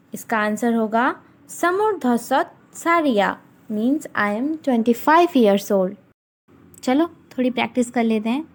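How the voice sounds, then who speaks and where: A young woman teaching a language lesson online, spelling words out carefully and switching into English phrases now and then. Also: on the high side.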